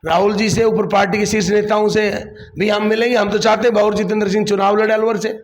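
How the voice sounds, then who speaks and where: A man's voice: sits high, level tone, quick pace. A man, a district council chief answering a political interview defensively and repeating his points.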